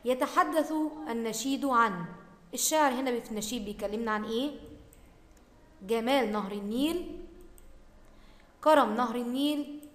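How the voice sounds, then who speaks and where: This Egyptian Arabic-accented primary school teacher has a high, fairly bright female voice, heard in an echoey room with long reverb. Her recorded grammar lesson features slow, drawn-out repetition of words for the pupils, followed by quick asides.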